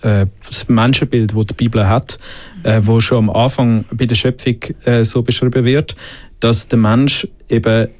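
A Swiss man with a Swiss German accent talks thoughtfully about the Bible as a panel guest in a faith conversation. His medium-pitched voice is a little mellow, at normal speed with little pitch movement, and he uses many filler sounds and restarts.

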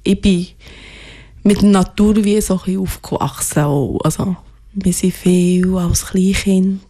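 A woman from Ghana, as an interview guest, soft-spoken and hesitant, searching for her words. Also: medium pitch, steady tone, unhurried. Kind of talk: reflective personal interview.

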